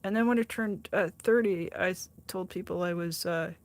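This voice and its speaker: This is a woman in her sixties hosting an art livestream, responding to viewer comments with a chatty, self-deprecating manner, frequent laughter, and many restarts. She speaks at a moderate pace in a voice on the low side.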